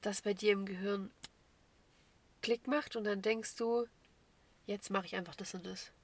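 A woman with a mid-range voice tells animated stories in a casual chat podcast. She acts out her own thoughts as she goes. The recording is dry, with no room sound. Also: mid-range voice, a little slow, no echo. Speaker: podcast co-host.

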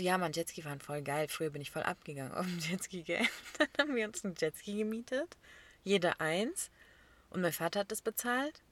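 A woman, chatting casually as a podcast co-host and telling animated stories with lots of laughter. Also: on the low side. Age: 20s. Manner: animated storytelling, laughs often. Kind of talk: casual chat.

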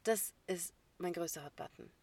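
A young woman in casual chat, animated and slangy, laughing often. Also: lowish voice, normal speed, creaky, husky.

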